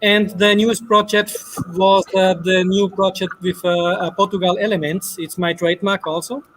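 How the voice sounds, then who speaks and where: High-voiced Austrian chef, flat delivery. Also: male voice, moderate pace, a little hiss or hum, poor audio. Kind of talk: online panel introduction.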